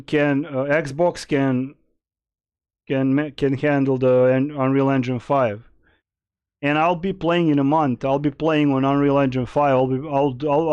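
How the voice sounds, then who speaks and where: A man's voice: medium pitch, darkish tone, clean tone, no room sound. A young man from Serbia, casually streaming and answering chat questions in a rambling way with many fillers. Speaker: game streamer.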